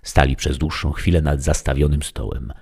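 A man reading a story aloud as an audiobook narrator, in a measured, dramatic way. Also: rumbling low, level tone, darkish tone, breathy edge. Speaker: audiobook reader.

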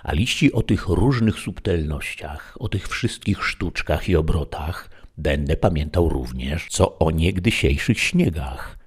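A rustic, proverb-loving squire, played by a man reading the story aloud. His husky voice climbs higher as he boasts, though it stays rooted in a low register. He pours out sayings one after another. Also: lively intonation, unhurried, hardly any pauses, exaggerated voice. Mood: pleading. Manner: strings proverbs together, rises in pitch.

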